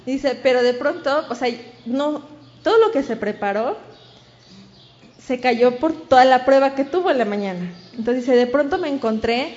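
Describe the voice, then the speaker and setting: A woman's voice: sits high, animated, moderate pace, a little mellow, muffled recording. A woman with a Mexican accent preaching a sermon, telling a story and acting out the voices of the people in it.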